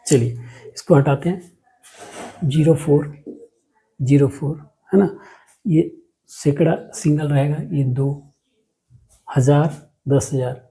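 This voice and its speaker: Speaking slowly with long pauses, a maths teacher in a warm, medium-pitched voice walks through a lesson step by step on a rough recording. The teacher poses questions and answers them, repeats words a lot, and mixes in English words.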